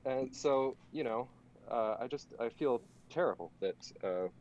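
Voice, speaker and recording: A man's voice: mid-range voice, animated, moderate pace, muffled recording. A young man co-hosting a casual podcast, spinning a long mock-serious sarcastic bit and breaking into laughs. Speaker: podcast co-host.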